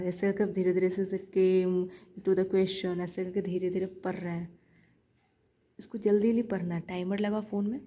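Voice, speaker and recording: Warm and slightly rough, this young woman's mid-range voice carries a casual vlog about shorthand. She chats through practice tips and repeats them while coaching her viewers.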